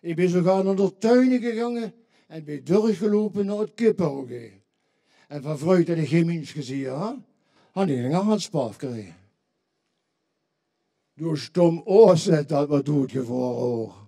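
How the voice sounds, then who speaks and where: A man's voice: on the high side, measured pace, creaky, warm tone. A man with a Limburgish accent performing a carnival joke routine, acting out the characters in his jokes. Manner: tells punchline jokes, acting out quoted voices. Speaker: carnival stand-up comedian.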